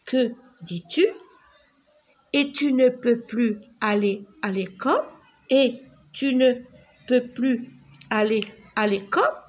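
Give me a woman teaching young children to read, slow and patient, with a fairly high voice. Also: expressive. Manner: slow, careful, repeats words and sounds letters out. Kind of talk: reading lesson for young children.

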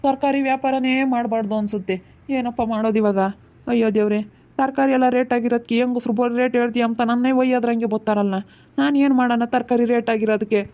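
A woman's voice: a little high, steady tone, fast, mellow, lo-fi sound, natural voice. A woman playing a defensive male vegetable seller, pleading with customers.

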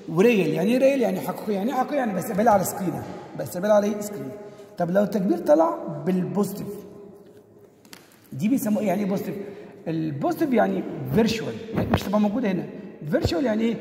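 A fast-talking man with an Egyptian accent, teaching at a breakneck clip in a gravelly, mellow voice. He fires off rhetorical questions and answers them himself, driving each point home by repetition. The sound is roomy, with a long reverb behind it. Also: sits high. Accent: Egyptian Arabic. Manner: drills key points by repeating them. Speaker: physics teacher. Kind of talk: exam-prep lesson. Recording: echoey room with long reverb.

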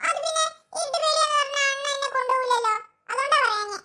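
A voice actor playing a timid young thief's sidekick who is scared of the dark, in a cartoon. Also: extremely high pitch, very fast, very noisy. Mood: nervous. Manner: nervous, pleading.

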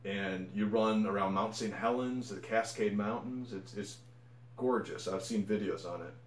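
In a reverberant space with slight background noise, a fairly low-voiced man talks at a moderate pace about running challenges. The ultra runner vlogger's unscripted monologue is enthusiastic, rambling and full of self-corrections.

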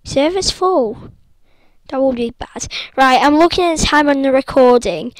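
Recorded on a laptop, this high-pitched gaming vlogger sounds animated as she rambles through commentary in bed. She squeals and quickly apologizes at times, and the audio is dry and close-up with no room echo.

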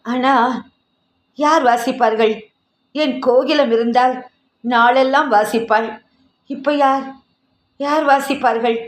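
Frail dying old dad, a woman reading him, halting broken phrases, roomy echo. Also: sits high, steady tone. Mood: weak, tearful. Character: frail dying old father, tearful and remorseful.

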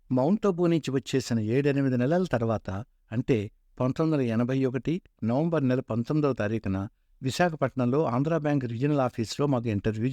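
A man in his sixties narrating his own life story in a steady, earnest way. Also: medium pitch, no echo. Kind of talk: autobiographical narration.

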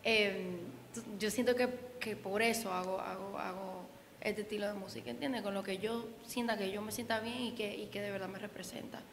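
A young Dominican woman singer, speaking with a Dominican Spanish accent, chats casually in an interview full of fillers and restarts. Her mid-range voice holds a steady tone at normal speed. The interviewer holds a handheld mic in an indoor event room, giving reverb and faint noise.

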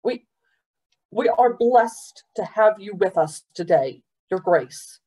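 A woman's voice: on the high side, lively intonation, moderate pace, muffled recording, pitched above the performer's own voice. A woman voicing a nervous middle-aged male prison warden giving a formal, hesitant welcome speech in a storybook reading.

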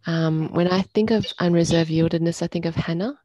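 A woman's voice: lowish voice, fairly even intonation, brisk, dark tone, muffled recording. A woman taking part in an online group discussion over a video call, answering briefly and plainly. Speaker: participant.

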